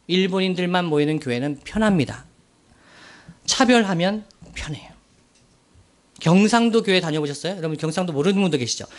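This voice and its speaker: Casting note: male pastor with a high, bright voice, delivering an earnest sermon with slow, weighty emphasis. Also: expressive. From Daegu, South Korea. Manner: earnest, slow emphatic phrasing with rhetorical questions to the congregation.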